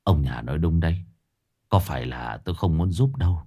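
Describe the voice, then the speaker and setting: A man playing a weary, resigned old male exorcist who talks slowly and gravely. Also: very deep voice, lively intonation, dark tone, pitched below the performer's own voice, full character voice. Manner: slow, apologetic, grave.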